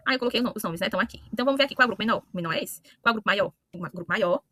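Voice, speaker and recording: Woman, chemistry teacher, rapid bright delivery, lots of "né?", dry close sound. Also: medium pitch, dry recording. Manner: talks to students directly with frequent questioning "né?" and self-corrections. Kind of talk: online lesson explaining to students.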